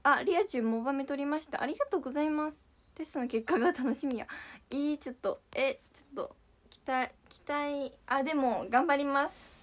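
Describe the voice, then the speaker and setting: A young woman with a bright, high-pitched voice. She chats casually and giggles often, reacting to viewer comments with quick, bubbly surprise. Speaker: idol livestream host. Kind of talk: casual livestream chat reading viewer comments.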